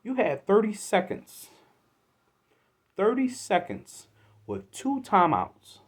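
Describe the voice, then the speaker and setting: A man from Philadelphia hosting a solo sports podcast, exasperated, swinging from loud outbursts to low muttering. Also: very animated, takes it slowly. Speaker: podcast host.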